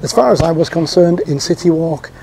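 A man's voice: a little high, expressive, brisk, vocal fry, warm tone, slight background noise. A man in his fifties giving a casual, chatty recap to camera from an outdoor patio sofa, with frequent ums and restarts. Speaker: theme park vlogger.

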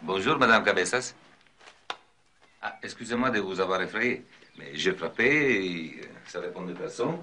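Un acteur jouant un expert en assurance ironique et agacé, au ton taquin, dans une série télé. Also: male voice, sits low, lively intonation, moderate pace, pushed and bright, slight background noise. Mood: dry. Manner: exasperated, bantering. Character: wry middle-aged male insurance investigator. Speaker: insurance expert. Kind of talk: 1980s TV series acting.

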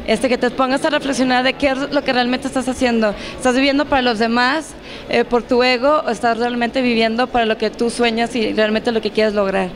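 A woman's voice: fairly high pitch, fairly even intonation, fairly quick, a little hiss or hum. A young woman from Mexico, an actress and series creator, speaking earnestly and reflectively with fillers into a handheld mic at a press event. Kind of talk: press interview. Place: event press wall, indoors. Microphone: handheld reporter mic. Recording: crowd chatter behind.

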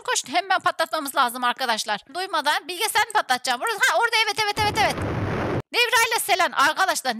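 High bright excited woman gamer. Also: dry recording. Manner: excited, urging teammates on with rapid repeated words. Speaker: game streamer. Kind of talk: excited game commentary.

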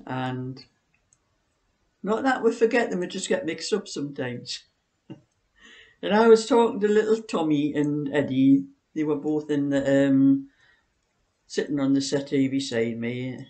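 In a low, warm voice, this knitting vlogger in her 60s speaks unhurriedly and pauses often. She sits on a sofa indoors in her living room, chatting casually and drifting from one anecdote to the next.

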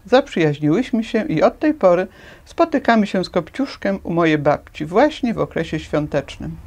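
A woman's voice: lowish voice, sing-song, moderate pace. Woman reading as a cheerful little red-hooded girl. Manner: warm, inviting.

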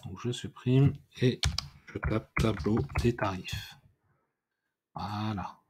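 A man giving a screen-recorded software tutorial, thinking aloud and correcting himself as he clicks through menus. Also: fairly low pitch, fairly even intonation, slight background noise. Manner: unhurried, thinking aloud with many fillers and self-corrections. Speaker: WordPress tutorial instructor.

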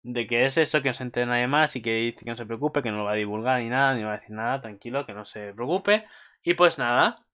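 Young man, excitable anime recapper, crisp and bright, squeals often. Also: fast. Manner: gushing, bursts into high squeals and shouts. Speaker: anime commentator.

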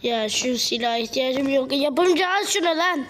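A woman commenting on a game in casual, excitable chat, her voice worn from being sick. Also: sits high, normal speed, background noise. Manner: excitable, swearing, frequent exclamations. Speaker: gamer.

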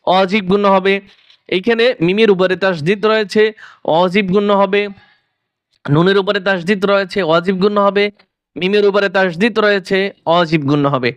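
A man teaching Quran recitation, sounding out syllables slowly and asking and answering his own questions. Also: high voice, no echo. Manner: slow, drawn-out sounding of syllables. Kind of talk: spelling out recitation rules.

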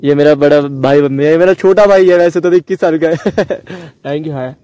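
A young travel vlogger camps by a campfire on an open mountain meadow, chatting eagerly with his viewers and calling out to them. His voice is high for a man and moves at a moderate pace, captured outdoors by an action camera with no echo.

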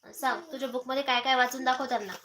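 A woman's voice: high voice, steady tone, racing, bright, forceful tone, slight background noise. A mother hosting a casual live stream, coaxing her small child with questions.

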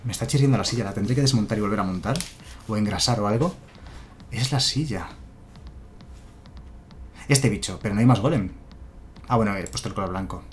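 A man's voice: fairly low pitch, slight background noise. A man with a Spanish accent from Spain, casually commenting a game on a live stream and answering his chat. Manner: chatty, answers chat, muses aloud. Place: home room with a chair.

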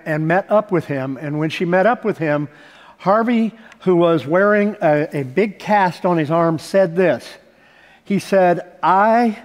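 High-voiced middle-aged preacher in a reverberant hall. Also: male voice. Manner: storytelling preacher, building to emphatic points. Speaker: pastor. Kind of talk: sermon. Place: large church stage with audience. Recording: long church hall reverb.

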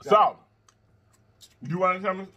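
A man in his thirties with a husky voice, chatting casually as he hosts an eating show. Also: sits high, measured pace, bright, forceful tone, dull audio. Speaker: mukbang show host. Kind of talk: casual chat while eating. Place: indoor studio, seated at a table of food.

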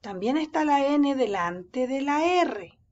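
Woman teacher for a children's reading lesson, very slow and patient, slightly high voice, dull lo-fi sound. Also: animated, a little mellow. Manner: slow, patient, drawing words out syllable by syllable. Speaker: first-grade teacher.

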